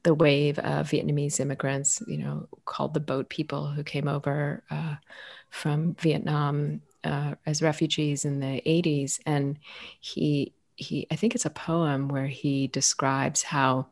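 A low-pitched woman guest reflects aloud in an interview. She muses gently, circling back with soft fillers as she reaches for the right phrase. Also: little pitch movement, unhurried, creaky. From United States. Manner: thoughtful, searching for words with many fillers. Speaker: author and guest.

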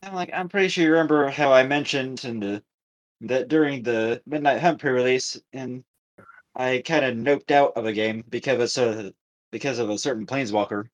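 On a low-quality recording, a man with a mid-range voice co-hosts a podcast and tells a story casually. His phrasing halts, repeats itself and circles around.

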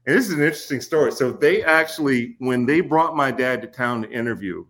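A man in his forties from Kentucky, a podcast guest telling stories in an unhurried way with frequent ums and restarts. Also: mid-range voice, lively intonation, fairly bright tone. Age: 40s. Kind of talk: casual podcast interview.

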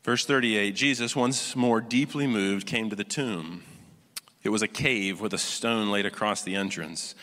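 A man's voice: on the low side, unhurried. Man preaching in a reverberant hall. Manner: animated, shifts between loud emphatic bursts and quiet reflective prayer. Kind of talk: sermon.

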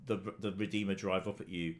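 A man with a very deep voice hosts a casual gaming podcast. He is chatty and jokey and keeps throwing questions to his guests. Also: steady tone, fairly quick. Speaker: podcast host.

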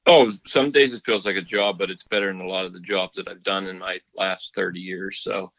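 A middle-aged fishing guide talking on speakerphone in an easygoing, folksy way, chatting casually on a podcast. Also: male voice, deep voice, steady tone, a little fast, vocal fry, a bit bright, dry recording. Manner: easygoing, folksy, laughs often. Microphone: phone on speaker. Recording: dull speakerphone line.

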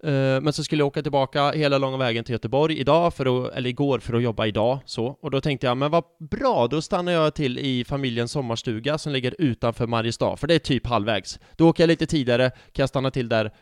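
A man in a casual football podcast, telling a match story in an animated way and swearing freely. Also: medium pitch, hardly any pauses, smooth, no room sound, clean studio sound. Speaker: podcast co-host.

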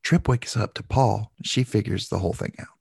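A man's voice: on the low side, moderate pace, vocal fry, a little mellow, husky, no room sound, studio quality. A man hosting a podcast, chatting casually and recapping an episode in a loose, jokey way. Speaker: podcast host.

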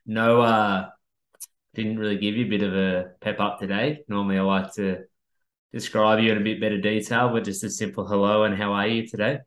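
A man's voice: lowish voice, flat delivery, brisk. An Australian man hosting a podcast in casual chat, with a laid-back, understated way of talking. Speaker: podcast host. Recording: roomy, echoey sound.

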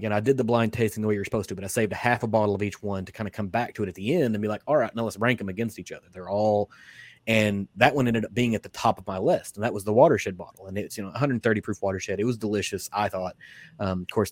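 Podcast host, male, lowish voice, rambling casual delivery, dry close recording. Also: no room sound. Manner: rambling, many restarts and fillers. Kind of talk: casual interview chat.

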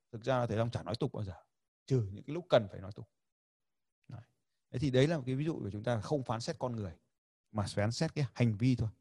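A man leads a livestreamed lesson to his viewers, a touch of fry running through his voice. He talks in a chatty, demonstrative way, acting out sample phrases and laughing often. The sound is dry and close, with little room around it. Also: mid-range voice, a little mellow, no room sound. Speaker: communication skills teacher.

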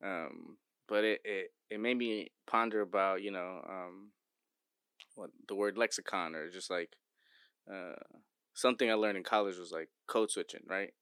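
A young American man talks casually with plenty of slang and restarts. His voice is bright and clear, recorded dry with little room sound. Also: sits low, moderate pace, no room sound. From Cleveland, Ohio, United States. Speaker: host recording the call. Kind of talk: casual chat.

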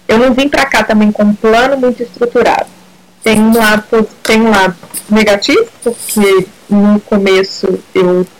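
A middle-aged Brazilian woman is a guest in a casual interview, speaking hesitantly with many restarts and slipping in English words. Her voice is mid-range, and the audio quality is poor.

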